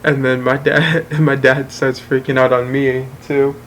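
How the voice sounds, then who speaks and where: Gaming host, male, middle pitch, loose rambling storyteller who swears freely, faint room noise behind. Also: level tone, a little slow, fairly bright tone, rough recording. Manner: rambling, profane, keeps saying "and whatnot". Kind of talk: casual storytelling over gameplay.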